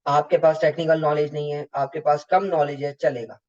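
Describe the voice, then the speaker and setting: A man's voice: on the high side, level tone, a little fast, darkish tone, highs cut off. A man, an exam tutor giving a recorded lecture that reviews mock exam answers and slips English terms into his explanations. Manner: explanatory, mixing English terms, asks students rhetorical questions.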